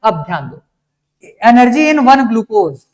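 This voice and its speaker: Male teacher, very high voice, explains step by step and keeps checking the class follows. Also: sing-song, measured pace. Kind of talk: classroom lecture.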